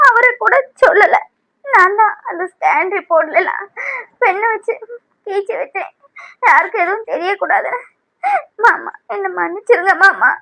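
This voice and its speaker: A woman's voice: very high-pitched, normal speed, pauses often, bright, forceful tone, heavily acted, rough recording. A woman voicing a tearful young mother of newborn twins who speaks tenderly and pleads in a cartoon serial. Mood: pleading.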